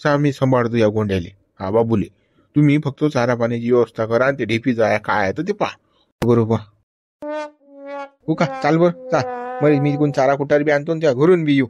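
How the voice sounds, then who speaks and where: A man's voice: medium pitch, brisk, darkish tone. Chiding village man. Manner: lecturing, chiding, with frequent "hm?" prompts. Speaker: cartoon character voice. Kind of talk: comic village banter.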